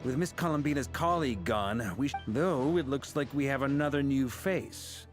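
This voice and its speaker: A man's voice: mid-range voice, moderate pace, over music, close to an everyday voice. Casting: male actor as nosy, casual young man for a video game, mid register, offhand.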